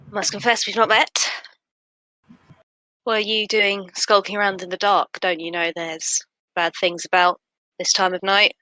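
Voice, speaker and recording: Woman playing a tough, forceful boarding-house defender. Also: medium pitch, flat delivery, no echo, rough recording. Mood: suspicious. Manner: challenging, measured threats.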